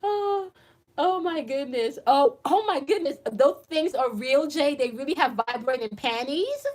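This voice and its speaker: Her high-pitched, animated voice keeps a measured pace as she hosts a casual live chat. In her forties, she reads viewer comments aloud and answers with laughing, playful banter, addressing everyone as "y'all."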